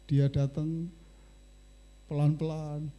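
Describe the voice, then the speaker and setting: A male pastor, preaching a sermon as a lively storyteller who keeps addressing the congregation. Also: on the high side, takes it slowly, highs cut off.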